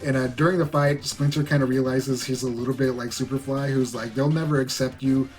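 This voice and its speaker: A man's voice: mid-range voice, flat delivery, fairly quick, soft background music. A man recapping a movie in a casual, rambling way, full of "like" and "you know.". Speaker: movie reviewer.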